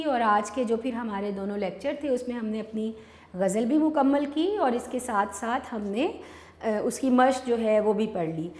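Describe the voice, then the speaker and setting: A woman's voice: fairly high pitch, darkish tone. A woman teacher from Pakistan giving a recorded online lesson, patiently explaining step by step and asking and answering her own questions. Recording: echoey room with long reverb.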